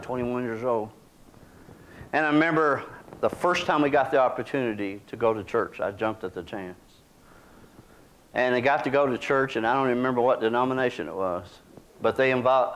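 A middle-aged man, preaching a sermon in a small church in a folksy, conversational way. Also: mid-range voice. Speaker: pastor. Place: small church sanctuary, indoors.

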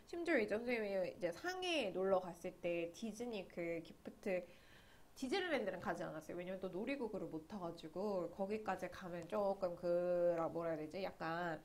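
A woman's voice: on the low side, lively intonation, normal speed, darkish tone. A young woman teaching an English grammar lesson online, chatty and often checking that students follow along.

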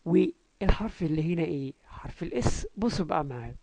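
A man with an Egyptian Arabic accent teaching a language lesson, patiently repeating syllables aloud and slowly spelling out words. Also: on the high side, big pitch swings, vocal fry, dark tone, no echo, rough recording.

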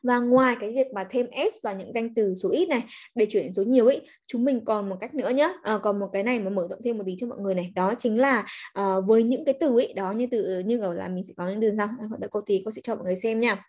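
Speaking fast at a medium pitch, another woman with a darkish tone teaches English grammar over a livestream. Her style is chatty and coaxing: she checks in with students often and keeps dropping "ok" and "nhá."

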